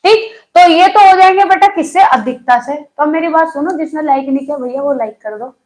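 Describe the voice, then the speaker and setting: A woman's voice: high voice, fairly quick, a little mellow. A young woman teaching an online exam-prep lesson in a chatty way, teasing her students with jokes.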